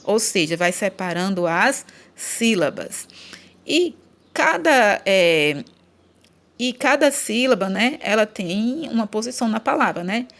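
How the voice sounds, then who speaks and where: A woman's voice: mid-range voice, animated, slow, a bit bright. A woman with a Brazilian Portuguese accent teaching a grammar lesson for children, speaking patiently and stretching out syllables when she chants example words.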